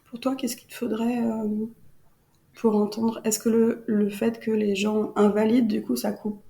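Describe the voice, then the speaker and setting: A woman hosting a podcast, asking calm, probing questions in a reflective interview. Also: on the high side, measured pace, vocal fry, echoey room. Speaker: podcast host.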